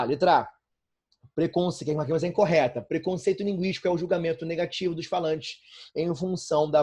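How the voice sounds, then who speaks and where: Chatty male teacher, warm husky voice. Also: a little high. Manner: chatty, filler-heavy, frequent rhetorical checks. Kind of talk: online class lecture.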